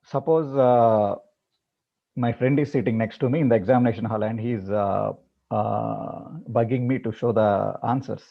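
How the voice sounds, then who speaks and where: A man teaching a meditation class, talking in a halting way with many repeated words and fillers before leading the practice. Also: fairly low pitch, fairly even intonation, vocal fry, lo-fi sound. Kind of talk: talk before guided meditation.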